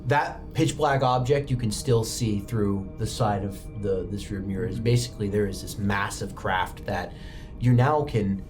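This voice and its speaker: A man acts as game master for a tabletop roleplaying game, narrating dramatically and immersively. His voice is lowish at a normal speed, with background music playing beneath it.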